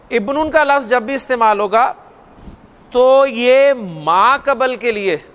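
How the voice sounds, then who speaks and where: A man's voice: very high voice, a bit bright, clear, resonant tone. A man teaching Arabic grammar in a lecture, explaining step by step, repeating key points and putting questions to the class.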